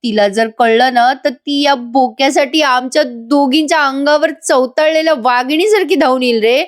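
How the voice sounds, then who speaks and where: A woman's voice: sits high, normal speed, pitched above the performer's own voice, close to an everyday voice. A woman voicing a scheming middle-aged aunt from a TV serial, pleading and whiny in tone.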